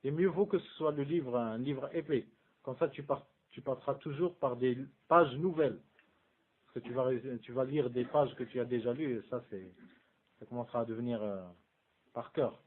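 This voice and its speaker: A man teaches a religious lesson in a relaxed, conversational way. He keeps asking his listeners rhetorical questions and drops Arabic terms into his speech. His voice sits at a middling pitch and comes through a narrow, phone-like band. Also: moderate pace. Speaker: Islamic studies teacher. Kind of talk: casual French religious lesson.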